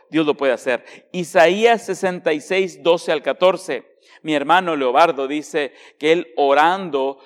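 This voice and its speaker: Man preaching a sermon, hushed to emphatic. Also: a little high, big-room sound. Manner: swings between hushed, slow passages and raised, emphatic ones; asks the congregation direct questions. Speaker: pastor.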